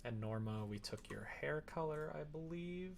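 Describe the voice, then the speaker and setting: A streamer with a slightly high, animated voice chats casually at a normal pace, rambling and thinking aloud as he works through a tutorial. The livestream carries clear background noise and keyboard typing.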